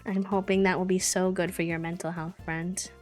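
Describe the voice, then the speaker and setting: A woman's voice: on the low side, little pitch movement, normal speed. A woman livestreamer chatting casually while she plays a game. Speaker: streamer hosting a charity gaming livestream. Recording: music behind the voice. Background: music.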